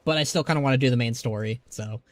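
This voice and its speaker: A man's voice: medium pitch, fast talker, no room sound. A man doing casual live game commentary, rambling conversationally as he thinks aloud. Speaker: live streamer.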